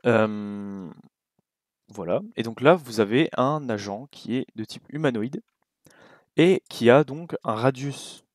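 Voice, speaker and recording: Man, French accent, young adult, casual coding tutorial, slow talker, dry close mic, keyboard typing behind. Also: mid-range voice, no echo. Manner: relaxed, talks while clicking, many fillers and little asides. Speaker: game development tutor.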